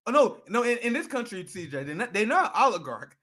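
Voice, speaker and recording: A man's voice: sits high, big pitch swings, a little fast, bright, forceful tone. A young adult man co-hosting a political commentary show, ranting in a heated, profane way. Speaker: co-host.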